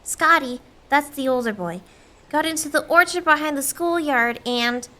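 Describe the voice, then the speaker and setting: A woman's voice: sits high, animated, moderate pace, pushed and bright. An actress playing a friendly, earnest, chatty small-town woman in a family drama. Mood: flustered, rambling. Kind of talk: acted family film dialogue.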